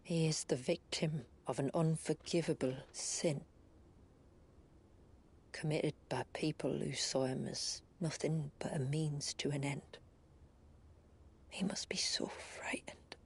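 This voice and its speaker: A woman playing a solemn, dignified noblewoman in a game drama, with a husky voice and a formal, deliberate delivery. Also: deep voice, steady tone, in a whisper, full character voice. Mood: sorrowful. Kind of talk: video game drama acting.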